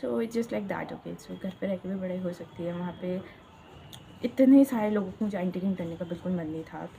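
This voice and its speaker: A woman's voice: fairly low pitch, normal speed, creaky, mellow, a little hiss or hum. A young woman from Uttarakhand chatting casually to her channel, switching between Hindi and English with dramatic asides. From Uttarakhand, India. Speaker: vlogger.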